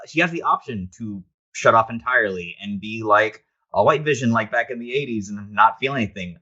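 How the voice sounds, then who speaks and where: Male podcast co-host, low bright voice, opinionated and eager, dull lo-fi sound. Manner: enthusiastic, opinionated, quick asides. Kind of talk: casual chat about comics.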